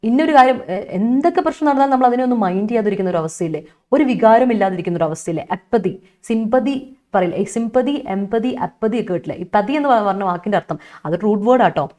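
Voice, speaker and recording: A woman's voice: a little high, expressive, quick pace, mellow. A young woman with a Malayali accent teaching English vocabulary in an online exam-prep lesson, chatty and coaxing, repeating key points.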